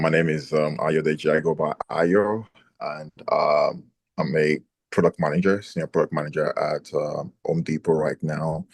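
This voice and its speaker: A man's voice: very deep voice, darkish tone, dry recording. A man introducing himself on a video call, friendly, listing his points with many fillers and restarts. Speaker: senior product manager, call participant.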